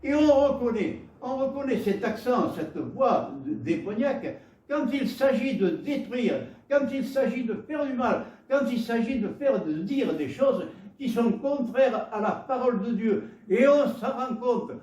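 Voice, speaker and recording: A man's voice: extremely high pitch, expressive, roomy sound, distant mic. A man with a Gascon French accent preaching a sermon, often stumbling and repeating words as he tells homely stories. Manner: halting, repeats words, warm storytelling asides. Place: church hall.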